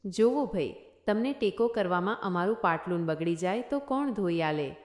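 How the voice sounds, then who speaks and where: A cheeky working-class porter in a storybook tale, read by a woman, haggling in a blunt rustic dialect. The voice sits at a middle pitch. It rings in an echoey room. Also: lively intonation, normal speed, close to an everyday voice.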